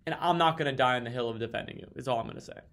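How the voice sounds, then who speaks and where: A man's voice: medium pitch, very fast, fairly bright tone. A man giving a casual, mock-serious rant as a league commentator, sarcastic and swearing, with sudden exasperated outbursts. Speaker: fantasy football league commentator.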